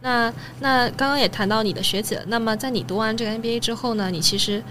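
A woman host with a fairly high voice, leading a casual podcast interview. She asks her questions easily and mixes in an English word here and there. A faint hiss sits under the recording. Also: fairly even intonation, fast talker, a bit bright.

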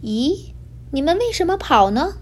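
A woman's voice: high-pitched, big pitch swings, a little slow, pitched above the performer's own voice. A woman voicing a lonely, eager little rain cloud in a children's storybook reading. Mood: curious.

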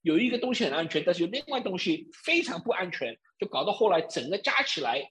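Lively foreign-accented man explaining in Mandarin. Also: sits high, quick pace. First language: not a native Mandarin speaker. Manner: didactic, with frequent check-in tags. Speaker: interview guest, crypto wallet expert. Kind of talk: spontaneous explanatory talk.

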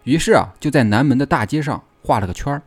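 A man, retelling an old legend in casual podcast chat, slangy and quick to laugh. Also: medium pitch, husky. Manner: lively storyteller, slangy, laughs often. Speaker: podcast host.

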